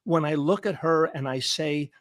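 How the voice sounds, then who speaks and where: A man's voice: fairly high pitch, moderate pace, no room sound, studio quality. A man, a therapist guest in an interview, talking earnestly and emphatically, repeating words for stress and often restarting his sentences. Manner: frequent stammered restarts. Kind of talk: conversational interview.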